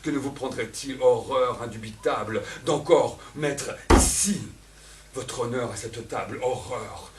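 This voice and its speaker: A man's voice: mid-range voice, a bit bright, natural voice. A man playing Elvire, a scorned and desperate woman in love, declaiming in impassioned outbursts on a theatre stage. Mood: anguished, then raging. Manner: impassioned, cries out in long outbursts. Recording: echoey theatre, voice from far off.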